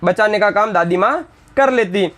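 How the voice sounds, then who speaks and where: Male teacher with a high pitch, patiently retelling a story text line by line for students. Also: normal speed, a bit bright. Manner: reads a line of the text, then re-explains it in simpler words; briefly acts out the village women's scolding lines. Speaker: Hindi teacher. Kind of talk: classroom lesson explaining a text.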